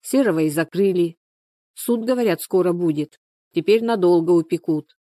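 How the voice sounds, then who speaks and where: A woman doing a brisk, caring village friend. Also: fairly low pitch, mellow, no echo, clean studio sound, lightly acted. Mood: concerned, coaxing.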